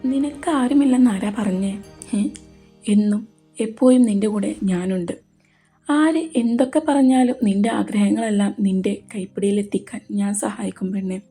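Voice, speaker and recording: A gruff but tender young man soothes his beloved with soft, reassuring words in a romantic audio story, as a woman voices him. The tone is dark and mellow over faint background music. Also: mid-range voice, moderate pace, lightly acted. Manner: soft, reassuring, calls her "girl".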